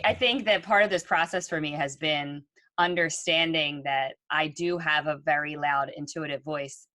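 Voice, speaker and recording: Sitting low and sounding sharp, with no echo, this woman co-hosts a podcast. Her conversational talk is earnest and reflective, punctuated by frequent ums.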